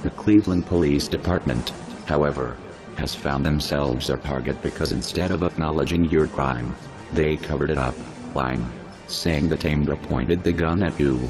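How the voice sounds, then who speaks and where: A man with his voice disguised and pitched down very deep, reading a scripted threatening statement in a slow, measured, menacing way. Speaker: spokesperson for a hacker collective. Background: music.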